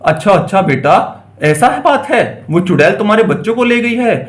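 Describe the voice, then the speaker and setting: Kindly old holy man played by a man, reassuring, fatherly, high voice, doll play story. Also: lively intonation, normal speed.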